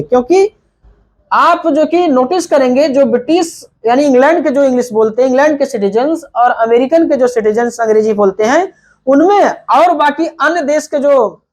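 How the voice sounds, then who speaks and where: A man's voice: very high-pitched, a little mellow. A man teaching a lesson, spelling words out letter by letter and asking himself questions as he explains. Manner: repetitive, rhetorical questions. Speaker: English teacher.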